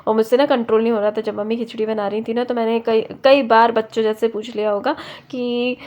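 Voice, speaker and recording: A woman's voice: fairly high pitch, flat delivery, fairly quick, highs cut off. A young woman with a cold, talking in a chatty, homely way as she vlogs, full of little fillers. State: has a cold. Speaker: home vlogger. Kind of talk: casual vlog chat.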